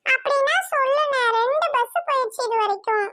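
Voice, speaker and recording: A woman voicing a sharp-tongued young wife and a pleading little sister in a Tamil cartoon, with a colloquial Tamil Nadu accent, scolding and whining. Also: very high voice, fairly quick, dry recording, clean studio sound. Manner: scolding, sulky, whiny pleading. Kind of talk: cartoon voice acting.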